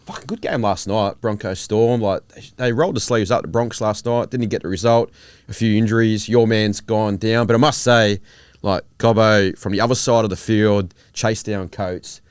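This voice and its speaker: Smooth-voiced laid-back Australian bloke. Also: male voice, on the low side, fairly even intonation, normal speed, dry recording. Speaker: podcast co-host. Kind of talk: casual pub-style chat.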